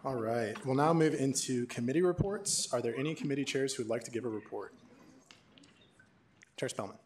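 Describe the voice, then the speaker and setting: A young man presiding over a student government meeting, moving through motions in a brisk, procedural way. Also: medium pitch, darkish tone, slight background noise. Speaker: meeting chair.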